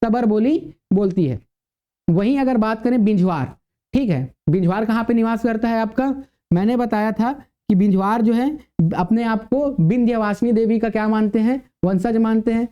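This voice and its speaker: A man's voice: sits high, moderate pace, clean tone, dull audio. Man lecturing, quizzing and repeating. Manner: asks the class questions and answers them himself, repeats key words. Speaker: teacher. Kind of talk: classroom lecture.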